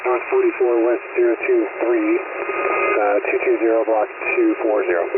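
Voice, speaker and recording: A man reading out slow, clipped coordinates as a military pilot, heard as a cockpit radio transmission. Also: mid-range voice, wildly swooping pitch, slightly rough. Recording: noisy tinny cockpit radio.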